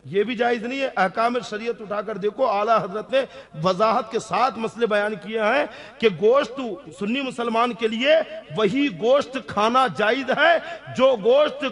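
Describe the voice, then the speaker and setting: A man's voice: very high voice, hardly any pauses, fairly bright tone. A man, an Islamic scholar, answering audience questions on religious rules, stressing key points and often checking that listeners follow. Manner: emphatic, repeats key rulings.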